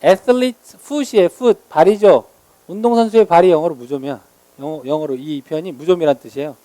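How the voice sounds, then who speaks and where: A man teaching English vocabulary in a lecture, explaining meanings and slowly modeling each word's pronunciation. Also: on the high side, mellow, dry recording.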